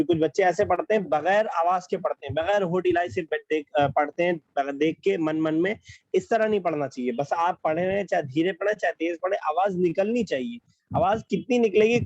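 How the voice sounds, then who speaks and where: A man's voice: a little high, a little mellow, dry recording, dull audio. Patient male teacher on a video call. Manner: patient explaining, repeats key phrases. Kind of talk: online class lesson.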